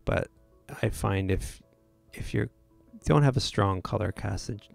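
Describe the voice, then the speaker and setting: A man's voice: on the low side, unhurried, creaky, soft background music. A man hosting a live photo editing tutorial, talking casually with many fillers and restarts.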